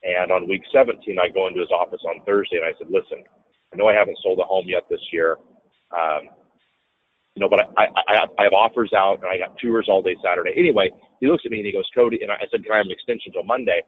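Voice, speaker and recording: A real estate businessman, interviewed casually, rattles off a story quickly in a deep, breathy voice and animatedly raises his voice to play out what other people said. The sound is tinny, like a phone line, with no room sound.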